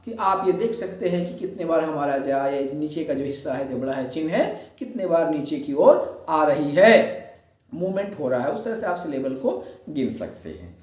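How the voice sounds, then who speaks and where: A man giving a spoken English video lecture, explaining step by step, mixing Hindi with English phrases and slowing down to stress the English definitions. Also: on the high side, lively intonation, a little mellow. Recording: echoey, voice from a distance.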